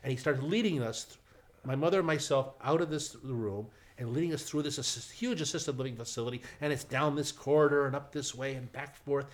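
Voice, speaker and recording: A middle-aged man spins a casual anecdote as a television writer, in a medium-pitched voice. He tells it in a lively way, with many restarts and side remarks. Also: brisk. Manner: lively storyteller, frequent restarts and asides.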